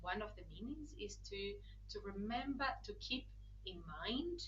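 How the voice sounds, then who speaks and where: A woman's voice: medium pitch, expressive, normal speed, lo-fi sound, a little hiss or hum. Woman interpreting a teaching session. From Brazil. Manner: explanatory, with frequent restarts and checks with listeners.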